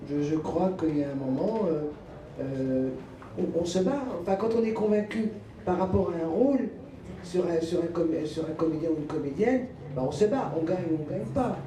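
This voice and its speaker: A man speaking earnestly in a panel discussion, with halting restarts. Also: fairly high pitch, dark tone, a little hiss or hum. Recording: echoey room, distant mic.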